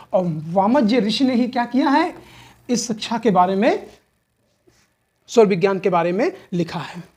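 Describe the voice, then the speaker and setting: Female history teacher, north Indian Hindi accent, slightly high voice, asks and answers her own questions. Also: a little mellow. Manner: often adds "theek hai na". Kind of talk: exam-prep lecture.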